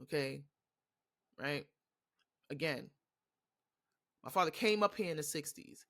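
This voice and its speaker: A woman's voice: low-pitched, unhurried, fairly bright tone. Blunt, profane New York woman ranting. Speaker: podcast host. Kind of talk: casual podcast monologue.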